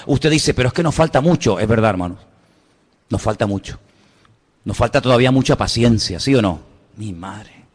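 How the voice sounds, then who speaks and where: A man with a Spanish accent preaches in a chatty, questioning way and keeps turning to his listeners. His voice sits slightly high for a man, and long reverb from the hall trails after each phrase. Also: fairly bright tone. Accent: Spain Spanish. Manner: conversational preaching with rhetorical questions to the congregation. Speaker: pastor. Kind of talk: sermon.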